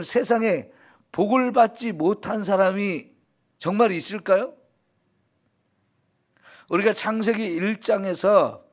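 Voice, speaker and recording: A man preaching an early morning sermon as pastor, earnest and encouraging, often affirming with a short "yes.". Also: high voice.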